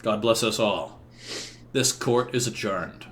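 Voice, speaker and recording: A man voicing a stern medieval king who makes formal, measured pronouncements from his throne in a tabletop game. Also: lowish voice, a bit bright, a little hiss or hum.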